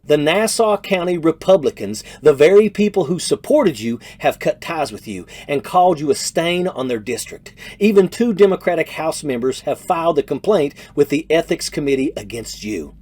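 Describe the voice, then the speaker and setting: A man's voice: on the high side, expressive, moderate pace, few pauses, darkish tone. An American man in his fifties delivering scripted political commentary in a blunt, scornful manner. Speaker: political commentator, retired army major.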